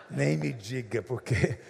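Gravelly animated pastor in reverberant hall. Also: male voice, fairly high pitch, noisy background. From Goiás, Brazil. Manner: chatty storyteller, chuckles often. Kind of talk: humorous preaching with anecdotes.

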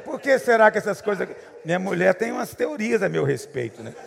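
A man's voice: sits high, very animated, a little fast, creaky. A man preaching as a pastor, telling funny stories in a chatty way and chuckling often. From Goiás, Brazil. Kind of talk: humorous preaching with anecdotes. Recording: long hall reverb.

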